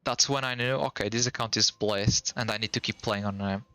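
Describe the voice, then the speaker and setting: Chatting with his stream audience, a young native Portuguese speaker with a Portuguese accent rambles in slang and keeps restarting his thoughts. His voice is on the low side with a steady tone, a little fast, pushed and bright, clear and resonant.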